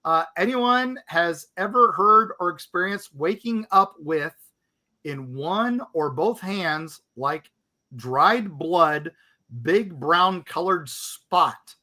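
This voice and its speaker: Slow and expressive, this male co-host has a high-sitting voice that sounds bright and forceful. He reads listener letters on air and chats in a loose, filler-heavy way.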